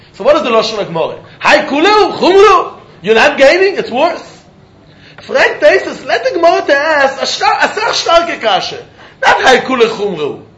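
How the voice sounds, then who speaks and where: A man with a Yiddish accent teaches Talmud in a notably high-pitched voice. He argues through questions and answers, circling back over phrases to press each point. The recording is dull and muffled, with clear room echo. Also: a bit bright. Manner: argumentative question-and-answer, repeating phrases for emphasis. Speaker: religious teacher giving a Talmud lesson. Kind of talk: Talmud lecture mixing English with Yiddish and Hebrew.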